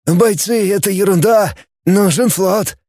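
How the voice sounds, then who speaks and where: A man's voice: high-pitched, unhurried, warm tone, dry recording, pitched above the performer's own voice. A timid, hesitant man in an audiobook, his voice raised and wavering with eagerness as the male reader puts him on. Close, dry recording.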